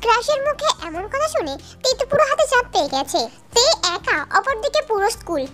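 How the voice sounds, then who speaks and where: A woman's voice: very high-pitched, big pitch swings, brisk, a bit bright, soft background music. A woman narrating a fan love story, reading the story plainly.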